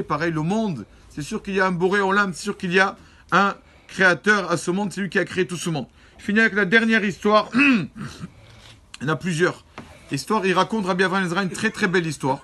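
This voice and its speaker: Bright high-voiced man telling stories. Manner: animated storyteller, acts out dialogue in lower voice; repeats and restarts words often. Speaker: rabbi. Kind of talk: storytelling Torah lesson.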